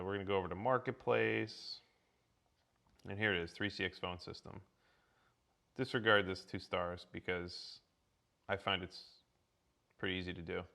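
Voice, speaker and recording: A man's voice: lowish voice, pushed and bright. A man walking viewers through a tech setup on a casual livestream, rambling with many restarts and filler words. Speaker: guest presenter.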